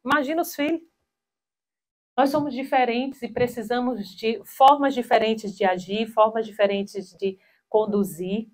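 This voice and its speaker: A woman in her thirties giving a spiritual talk with personal stories on a handheld mic in a small hall, animated and acting out quoted voices. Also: fairly high pitch, unhurried.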